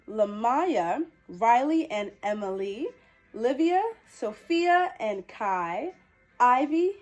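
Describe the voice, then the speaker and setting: Dressed as a princess, this storytime host reads a picture book to children in an animated way and addresses the young viewers directly. Her fairly high voice moves at a very slow, deliberate pace, sweet and expressive, with faint music in the background.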